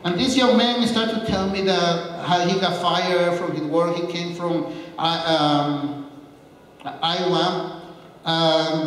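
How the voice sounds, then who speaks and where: A man's voice: a little high, far from the mic. Man preaching in an echoey hall. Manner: earnest storytelling, quotes the speech of others. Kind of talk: sermon. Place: church.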